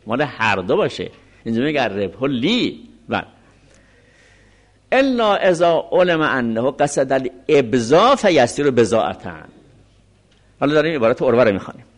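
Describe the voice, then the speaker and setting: Man lecturing with lively pitch. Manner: explains step by step, reads Arabic text then restates it. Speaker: seminary teacher. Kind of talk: lecturing on a legal text.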